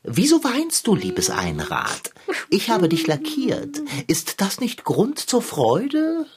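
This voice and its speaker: A woman's voice: mid-range voice, huge pitch swings, slow pace, darkish tone, full character voice. A woman playing a prim, pompous house cat in a children's radio play, talking in a sniffy, know-it-all way. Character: fussy, pompous house cat named Long John.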